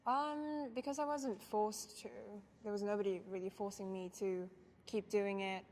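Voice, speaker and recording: Soft-spoken young woman from Japan. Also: mid-range voice, steady tone, normal speed, a little hiss or hum. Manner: thoughtful, soft-spoken, laughs lightly. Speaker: interviewee, violinist. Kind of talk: recorded interview answers.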